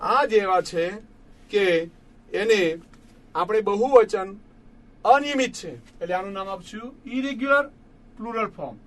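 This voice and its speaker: Brief: male teacher, high voice, patient and repetitive, chats warmly with students as friends. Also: expressive. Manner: patient, repeats each word slowly for students; addresses listeners as friends. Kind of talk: classroom lesson explaining English grammar.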